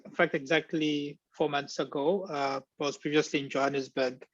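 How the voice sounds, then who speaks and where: A man's voice: on the high side, steady tone, moderate pace, a bit bright, no echo. Zambian man, 40s, hesitant self-introduction, dry muffled call audio. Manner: thoughtful, hesitant, many fillers. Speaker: webinar participant.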